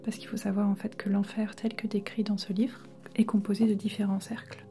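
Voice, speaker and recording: A woman speaking in a hushed library whisper, chatting casually about books in an ASMR style. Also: mid-range voice, level tone, fairly quick, soft background music. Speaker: ASMR book collector presenter.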